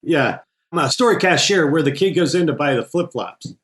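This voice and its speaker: Animated and a little high-voiced, the film editor speaks at a moderate pace during a casual interview. He eagerly spins stories and quotes the people in them, all captured in an echoey space.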